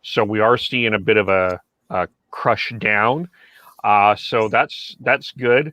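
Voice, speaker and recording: A man's voice: fairly low pitch, slow, bright, forceful tone, no echo. A man hosting a hockey podcast in casual chat, fumbling and poking fun at himself. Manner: fumbling, self-mocking. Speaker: podcast host.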